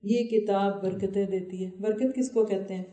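A woman's voice: medium pitch, steady tone, normal speed, mellow, echoey room. A woman giving an earnest Quran commentary lecture, often asking her listeners questions. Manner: earnest, asks the audience questions. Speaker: Quran teacher.

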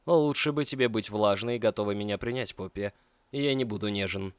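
A man voicing a confident, commanding male lover who speaks firmly and a little loudly. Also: on the low side, fairly quick, smooth, no room sound, natural voice.

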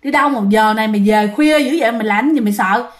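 A woman's voice: a little high, quick pace, close to an everyday voice. A woman voicing a scolding but caring old grandmother.

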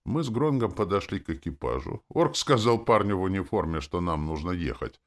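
Deep-voiced male audiobook narrator. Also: animated, a little fast. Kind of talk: scripted fantasy narration.

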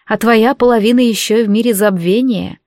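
A woman reading the part of a fiery red-haired goddess in an audiobook, with a slow, drawn-out delivery. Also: a little high, a little mellow, no room sound, clean studio sound, close to an everyday voice. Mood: stern. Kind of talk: audiobook narration.

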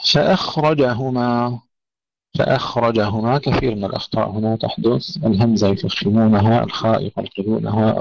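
A man teaching Quran recitation rules, correcting common mistakes and slowly demonstrating the right pronunciations. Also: lowish voice, gravelly, darkish tone, dry recording. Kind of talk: tajweed lesson. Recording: dull lo-fi dry recording.

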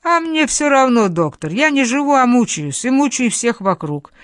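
A woman reading an audiobook, voicing a sick, feverish man who hoarsely and desperately begs a doctor for help. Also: a little high, very animated, normal speed, no room sound, studio quality, pitched above the performer's own voice. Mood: despairing. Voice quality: hoarse, strained. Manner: pleading, agitated. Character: feverish sick male gambler, desperate and stubborn. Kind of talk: audiobook character voice.

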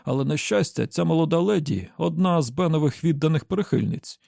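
A man doing a shrewd older man, gravelly and measured. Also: on the high side, animated, darkish tone, no room sound, studio quality. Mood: explaining. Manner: measured, explaining step by step. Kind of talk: audiobook character voice.

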